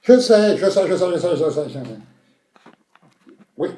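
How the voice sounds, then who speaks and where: A man's voice: a little high, expressive, normal speed, warm tone, distant mic, natural voice. A man voicing an eager, overconfident male quiz contestant who blurts out his answers and repeats himself. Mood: boastful. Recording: roomy echo.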